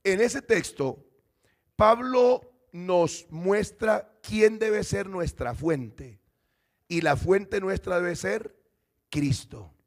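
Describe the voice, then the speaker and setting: A man's voice: high-pitched, extremely slow. A man pastor preaching a sermon, teaching and putting questions to his congregation.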